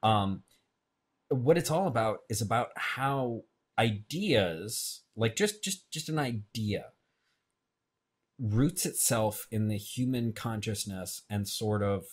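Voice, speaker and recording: A man's voice: on the low side, lively intonation, takes it slowly, breathy edge. A man, a filmmaker guest, talking in a casual interview, often hesitating and repeating words. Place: radio show studio.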